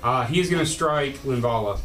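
A man's voice: medium pitch, brisk, a bit bright, low-quality recording. A man speaking informally as game master, narrating a tabletop role-playing game casually. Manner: informal, profane. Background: background noise, combat ambience.

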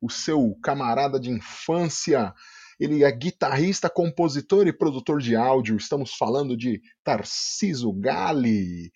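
A man's voice: mid-range voice, lively intonation, measured pace, darkish tone, breathy edge. A man with a Brazilian Portuguese accent hosting a casual podcast interview in an effusive, slangy, hyperbolic way. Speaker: podcast host.

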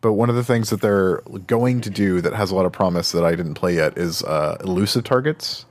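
A man's voice: low-pitched, brisk. A man co-hosting a podcast, casually talking over games, filling his speech with "like" and "um". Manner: rambling, many "like" and "um" fillers. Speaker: podcast co-host. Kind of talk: casual game discussion.

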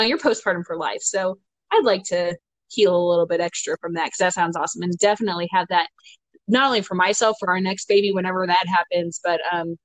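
A woman who is both a doctor and a podcast host chats casually on her show, ten months postpartum. She's talkative, laughs often and leans on "you know" a lot, and her fairly low voice is recorded dry.

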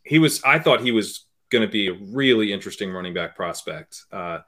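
Low-voiced man analyzing in casual chat. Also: lively intonation, fairly quick. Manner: hedging, many fillers and restarts, trails off quietly. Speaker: podcast guest, fantasy football analyst.

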